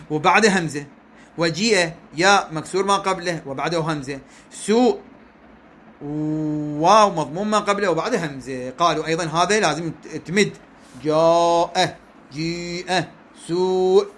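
A man with an Iraqi accent gives a lesson on Quran recitation in a voice pitched a little high. He explains patiently, stretching out example words and pausing to check that his listeners follow. A faint noise runs under the recording. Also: a bit bright. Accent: Iraqi Arabic. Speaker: religious teacher.

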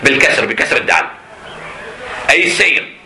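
Bright-voiced man teaching a class. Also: medium pitch, animated, a little fast, slight background noise, low-quality recording. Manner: asks and answers his own questions. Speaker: teacher of jurisprudence. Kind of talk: classroom lecture reading and explaining a text.

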